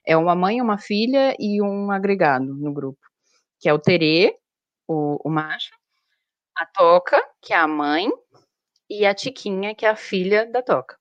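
A young woman, a zookeeper, chatting casually and telling stories in an animated way. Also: medium pitch, moderate pace, no room sound, lo-fi sound. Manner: animated storytelling. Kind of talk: casual chat.

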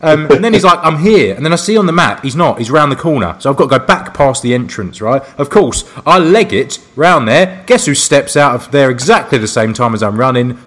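A man from Liverpool, a podcast co-host, telling a story in casual chat, animated and laughing, jumping into high voices to quote people. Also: brisk, few pauses.

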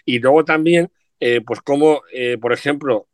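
A man's voice: medium pitch, normal speed, dry recording, clean studio sound. A middle-aged man chatting reflectively about family words, with frequent asides. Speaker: guest. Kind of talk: casual chat.

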